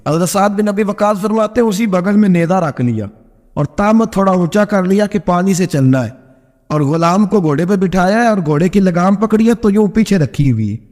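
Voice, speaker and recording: A male preacher delivers a storytelling sermon with a high, ringing voice that climbs to fervent peaks and then sinks low for quoted lines. His words carry a long reverb tail, as if spoken in a large hall. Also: animated, a little mellow. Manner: impassioned, rising to high emphatic peaks and dropping low in quoted speech.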